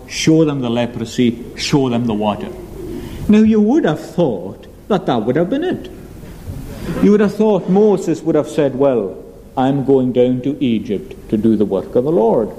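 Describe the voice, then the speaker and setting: A man's voice: medium pitch, dark tone, big-room sound, slight background noise, poor audio. A man preaching a sermon as pastor, earnest and emphatic, with rising exclamations.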